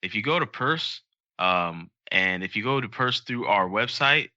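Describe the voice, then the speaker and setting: A man hosting a podcast in easy, rambling chat, peppered with ums. His voice is low and very bright, recorded dry and close with a slightly dull, lo-fi sound. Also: animated, measured pace, no echo. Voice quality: frequent ums, loose rambling delivery. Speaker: podcast host.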